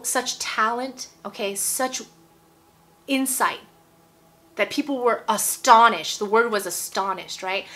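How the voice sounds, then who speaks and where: A woman's voice: on the high side, fairly bright tone. A woman in her forties giving a casual, emphatic sermon to camera at home, repeating phrases and checking in with "okay?". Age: 40s. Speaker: preacher. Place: indoor room at home.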